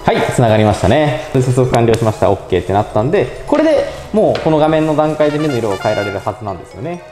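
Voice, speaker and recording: Rapid-fire and a little mellow, his mid-range voice swings widely in pitch. A young adult presenter from a robot pet channel, he casually steps through a phone app, politely narrating and thinking aloud as he goes. The indoor room echoes, with faint music behind him.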